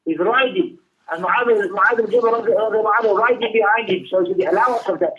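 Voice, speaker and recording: Reading Arabic passages and explaining them in English, this male teacher speaks briskly in a high voice, repeating phrases to drive his points home. The Islamic lesson comes through as tinny, radio-style lecture audio.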